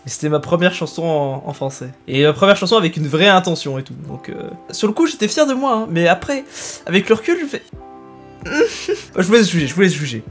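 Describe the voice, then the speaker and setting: A man's voice: high voice, animated, a little fast, faint music behind. A young man chatting casually to his viewers, self-mocking and hesitant with many fillers. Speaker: youtuber. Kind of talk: casual vlog talk to viewers.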